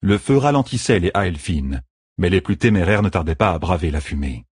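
A man narrating an audiobook chapter in a slow, measured reading. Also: low voice, animated, darkish tone, breathy edge, no room sound, clean studio sound. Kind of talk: scripted narration.

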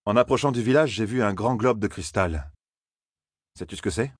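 A man voicing a smooth-talking, calculating captain. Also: lowish voice, lively intonation, moderate pace, no room sound, clean studio sound, voice pushed up. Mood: probing. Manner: smooth, courteous and probing. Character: flattering, calculating male army captain.

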